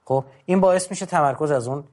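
A man's voice: on the high side, darkish tone. A middle-aged man giving an informal, conversational lecture, going through numbered tips with emphasis. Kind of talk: informal talk on controlling anger.

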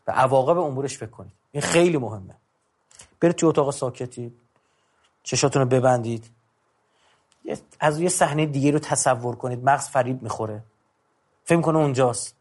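A man's voice: mid-range voice, pauses often, a little mellow, slightly rough. A middle-aged man giving an informal, conversational lecture, going through numbered tips with emphasis. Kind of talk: informal talk on controlling anger.

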